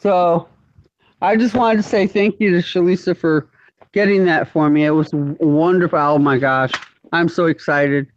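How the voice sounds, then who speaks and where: A woman's voice: lowish voice, steady tone, moderate pace, highs cut off. A woman chatting enthusiastically on a live stream, gushing about a new tool. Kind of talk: casual live stream chat.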